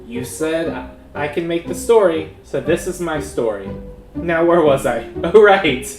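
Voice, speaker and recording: A man's voice: fairly high pitch, expressive, measured pace, music in the background. A man playing a smug, mischievous tabletop gamer in a comedy sketch. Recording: echoey room.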